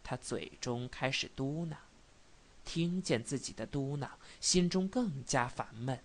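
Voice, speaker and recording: Slow, measured male audiobook narrator. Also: medium pitch. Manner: measured storytelling, voices dialogue with subdued feeling. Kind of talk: scripted narration of a novel.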